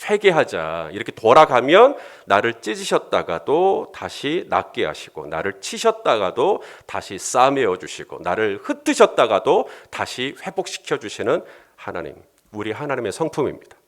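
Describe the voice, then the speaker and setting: A male pastor delivering a sermon with a lively, swinging pitch. He talks animatedly and keeps slipping into acted-out dialogue. His voice sits in a middle range for a man. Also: moderate pace, few pauses. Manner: animated, often acting out dialogue.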